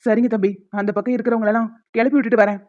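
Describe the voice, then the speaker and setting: A woman's voice: on the high side, steady tone, rapid-fire, dull audio, lightly acted. A woman voicing a kindly older male park watchman in a cartoon, talking in a fatherly, scolding way. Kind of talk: cartoon voice acting.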